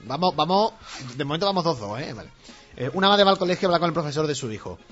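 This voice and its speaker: A man telling jokes in a teasing, animated way, acting out the voices in each joke. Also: on the high side, rapid-fire, slightly rough, lo-fi sound, faint music behind. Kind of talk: casual joke-telling contest.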